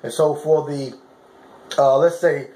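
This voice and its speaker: Speaking slowly in a fairly high, dark-toned voice with fairly even intonation, a man gives casual motivational fitness advice to camera. His colloquial coaching is emphatic and repetitive, with frequent check-ins to make sure listeners understand, and the room sounds echoey.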